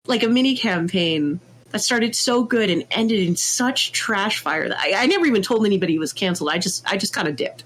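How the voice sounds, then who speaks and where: A woman guest on a podcast telling a tabletop game story in an animated, laughing way, often acting out what people said. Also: fairly high pitch, slight background noise. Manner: animated, laughing, jumps into quoted voices. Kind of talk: casual storytelling chat.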